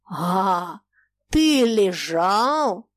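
A woman voicing a cantankerous old merchant who lectures sarcastically and turns shrill when angry. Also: animated, unhurried, no echo, close to an everyday voice. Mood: furious. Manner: scolding, sarcastic, turning shrill when enraged. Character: cantankerous old merchant man, sly, quick to rage.

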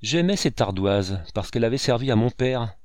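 A man reading aloud and voicing a young schoolmaster who speaks low, soft and a little trembling. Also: expressive, moderate pace, no echo, natural voice. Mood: sad. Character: gentle young male schoolmaster, sad.

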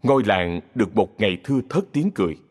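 Husky low-voiced male story narrator. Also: sing-song, a little mellow. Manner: measured storytelling. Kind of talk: scripted narration. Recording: long reverb.

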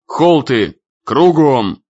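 A man voicing a loud, bossy male drill commander who barks short military orders in an audiobook. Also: mid-range voice, lively intonation, extremely slow, lo-fi sound. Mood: barking orders. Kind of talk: audiobook character voice.

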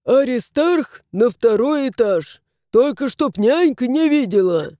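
A woman voicing a gruff, bossy little male house spirit who gives brisk commands, in a fairy-tale audiobook. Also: fairly high pitch, expressive, warm tone, dry recording, studio quality, voice pushed up.

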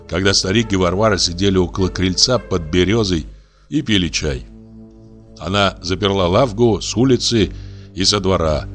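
A man narrating a classic story in a calm, measured audiobook reading. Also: low voice.

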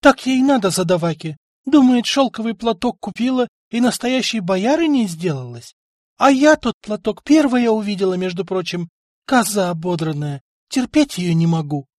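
A man voicing a plump, greedy, quarrelsome young wife who is shrill and spiteful. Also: expressive, moderate pace, darkish tone, slightly rough, no room sound, studio quality.

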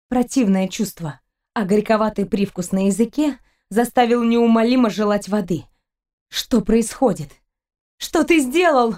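A woman reads a science-fiction novel aloud at a mid pitch. Her narration stays even and steady throughout. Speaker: audiobook reader. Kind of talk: audiobook narration.

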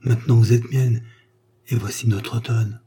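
A man reading the part of a grave, restrained gentleman of fifty who is quietly devoted to an old friend. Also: medium pitch, level tone, normal speed, slight background noise, natural voice. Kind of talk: audiobook reading of a short story.

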